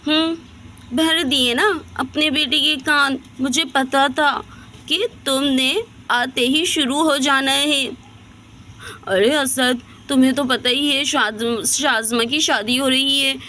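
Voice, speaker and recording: A woman's voice: sits high, steady tone, slow, pushed and bright, slight background noise, pitched above the performer's own voice, exaggerated voice. A woman voicing a dramatic, defensive young wife in a doll story. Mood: hurt, accusing. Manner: pleading, defensive. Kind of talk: storybook voice acting for a doll video.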